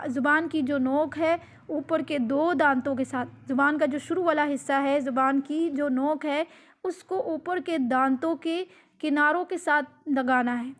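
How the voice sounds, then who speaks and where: A woman teaching the pronunciation of Arabic letters in a recorded lesson, patient and repetitive, stretching out each letter as she demonstrates it. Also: high-pitched. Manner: patient, repeats instructions, drawn-out letter demonstrations. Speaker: Quran recitation teacher.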